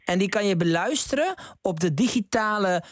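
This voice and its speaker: A woman's voice: mid-range voice, animated, normal speed, dry recording. A woman studio guest on a radio show, patiently explaining things in a casual chat. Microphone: studio microphone.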